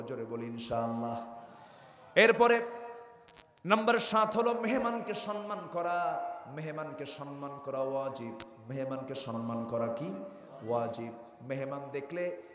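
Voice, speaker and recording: A male preacher giving an Islamic sermon, calling out to the crowd for loud replies. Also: medium pitch. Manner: call-and-response with the crowd, loud bursts. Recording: roomy echo, long reverb, distant mic.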